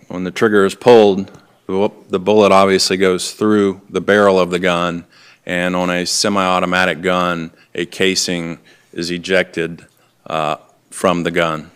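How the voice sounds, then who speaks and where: A man's voice: low voice, level tone, unhurried, smooth. A man testifying in court as a lead detective, polite, formal and matter-of-fact in his answers. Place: indoor courtroom.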